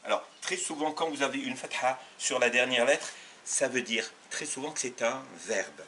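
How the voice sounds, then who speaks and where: A man teaching a beginners' language lesson, patient and methodical, repeating sounds slowly and correcting himself as he goes. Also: mid-range voice, bright, forceful tone, distant mic, slight background noise. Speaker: Arabic teacher. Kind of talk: step-by-step lesson for learners.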